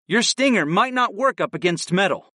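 A man's voice: high voice, lively intonation, pushed and bright, dry recording, studio quality, voice pushed up, exaggerated voice. A man voicing a wry young male monster summoner in an audiobook. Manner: wry and quick-tongued. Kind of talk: audiobook character voice.

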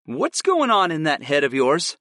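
A man's voice: on the high side, huge pitch swings, fairly bright tone, dry recording, studio quality, heavily acted. A man voicing a wry young hero. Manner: wry and quick-tongued. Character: young male monster summoner hero. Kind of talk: audiobook character voice.

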